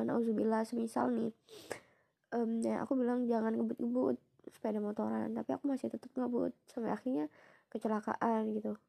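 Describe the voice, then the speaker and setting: A young woman from East Java telling a personal story in a soft, reflective way, pausing often with fillers. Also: fairly high pitch, gravelly. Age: young adult.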